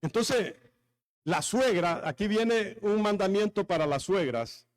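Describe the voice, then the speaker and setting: High-voiced Honduran pastor. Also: male voice, expressive, measured pace. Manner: jokey, storytelling, talks with the congregation. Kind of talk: sermon.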